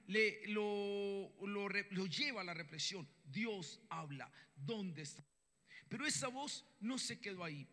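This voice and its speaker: Bright-voiced preacher in a reverberant hall. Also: male voice, high-pitched. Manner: animated storytelling, acts out biblical dialogue in voices. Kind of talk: sermon.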